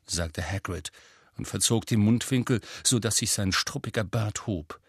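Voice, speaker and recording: A man narrating an audiobook in an even, measured reading. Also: lowish voice, husky, no echo, clean studio sound. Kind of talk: scripted narration.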